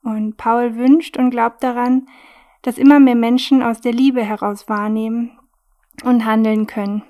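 A woman hosting a podcast, introducing a guest softly and hesitantly, with fillers. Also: on the high side, little pitch movement, unhurried. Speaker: podcast host.

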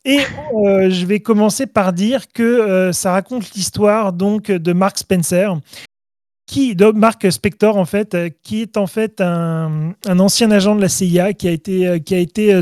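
A man's voice: high voice, measured pace, a little mellow, no echo, studio quality. A man hosting a casual podcast, joking and leading the topics. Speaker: podcast host.

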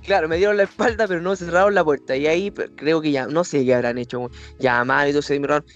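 A young man with a Chilean accent, telling a personal story in a slangy, animated way and putting on the voices of the people in it. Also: a little high, fast, highs cut off, soft background music. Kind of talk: casual storytelling.

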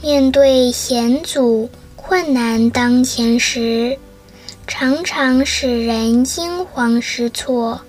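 Woman narrator for scripted folk tales; high, breathy, very slow delivery. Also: darkish tone, faint music behind. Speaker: storyteller.

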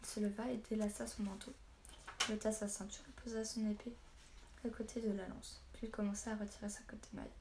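A woman narrating a story in a steady, measured reading voice. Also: mid-range voice, noisy background. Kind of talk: audiobook narration.

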